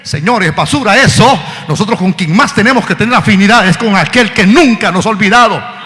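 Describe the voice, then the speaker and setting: A preacher who swings from quiet talk to shouting. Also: male voice, high voice, expressive, fairly quick. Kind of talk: fiery evangelical sermon. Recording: shouting with long hall reverb.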